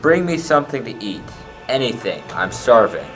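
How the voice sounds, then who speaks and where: A man's voice: medium pitch, sing-song, moderate pace, natural voice. A man playing a greedy, demanding young king. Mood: starving. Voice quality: yelling, impatient. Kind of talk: amateur stage play recorded on location. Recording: echoey, distant, with music.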